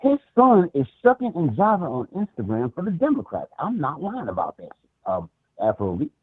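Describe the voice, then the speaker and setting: A man calling in to a talk show, his voice muffled as if through a wall, getting excited and stumbling over repeated words. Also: a little high, fairly quick, breathy edge, dry recording. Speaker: caller. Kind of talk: casual call-in chat. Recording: muffled tinny phone line.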